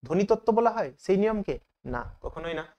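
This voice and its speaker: A man's voice: high-pitched, expressive, fast, highs cut off. A man teaching as he works through exam questions, asking each question aloud and then answering it himself. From Bengal.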